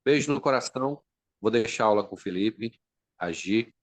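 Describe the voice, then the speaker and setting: A man's voice: on the low side, moderate pace, no room sound. A man giving emotional, faith-based encouragement to a class. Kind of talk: motivational talk.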